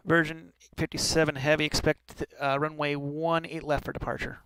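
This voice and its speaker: A man's voice: on the high side, level tone, normal speed, bright, forceful tone, rough recording. A man working as an air traffic controller, giving clipped formal instructions with occasional informal asides. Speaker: air traffic controller in online flight simulation.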